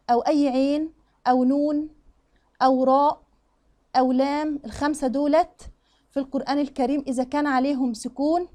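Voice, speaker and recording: A woman with an Egyptian Arabic accent teaching Quran recitation, demonstrating right and wrong pronunciations and reciting the examples slowly. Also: high voice, dark tone. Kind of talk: tajweed lesson with slow recited examples.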